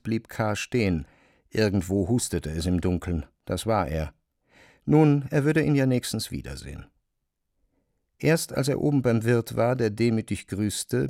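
A man reading literary narration for a radio play, measured and even. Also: lowish voice, dry recording, studio quality.

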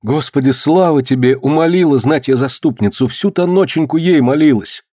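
A man's voice: on the high side, moderate pace, warm tone, no echo, clean studio sound, pitched above the performer's own voice, natural voice. A man voicing a distraught peasant woman. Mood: relieved. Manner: pleading, distressed outcries. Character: anxious young peasant woman, pleading.

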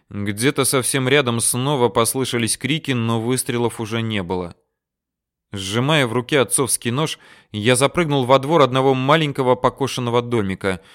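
Brief: male narrator, resonant clear voice, steady first-person audiobook reading. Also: medium pitch.

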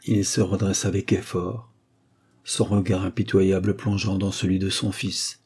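Husky, dark-voiced male narrator. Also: low voice, flat delivery. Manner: measured, literary. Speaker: audiobook narrator. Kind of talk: scripted narration.

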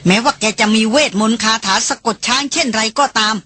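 A woman reading an adventure novel aloud as an audiobook in a steady, measured storytelling voice. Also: a little high, slight background noise. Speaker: audiobook reader. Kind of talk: scripted narration.

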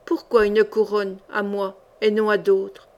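A woman voicing a mad king who broods and then rants, his voice described as raspy and powerful. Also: medium pitch, monotone, measured pace, a little mellow, natural voice. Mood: brooding. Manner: ranting, thunderous outbursts. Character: mad middle-aged king, raving and bitter.

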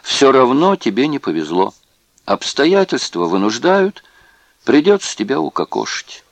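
A man's voice: medium pitch, sing-song, measured pace, dry recording, pitched above the performer's own voice. A man playing a drunk, sneering camp guard. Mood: taunting. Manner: taunting, mock-friendly. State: tipsy.

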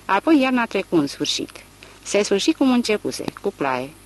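An audiobook narrator reading a literary novel in a measured, expressive way. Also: mid-range voice, poor audio.

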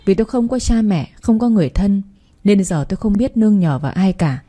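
A woman narrating a first-person audiobook story in a steady storytelling manner. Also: medium pitch, brisk. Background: faint music.

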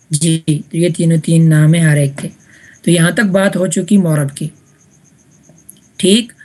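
Husky-voiced woman teaching grammar patiently. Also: lowish voice, warm tone. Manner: patient, repeats examples and checks understanding. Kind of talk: online class lecture. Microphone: online voice chat room.

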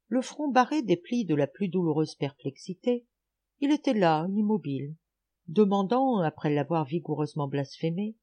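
A woman reading a story aloud as an audiobook reader, in lively and expressive literary narration. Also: lowish voice.

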